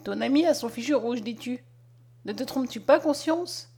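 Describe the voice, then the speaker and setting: A woman reading the part of a kindly, fatherly old male doctor in an audiobook, speaking in a gently firm, soothing way. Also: a little high, moderate pace, creaky, slight background noise.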